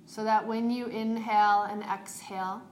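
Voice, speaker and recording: A woman yoga teacher leading a guided meditation in a calm, meditative, unhurried tone. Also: medium pitch. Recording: roomy echo, faint background noise.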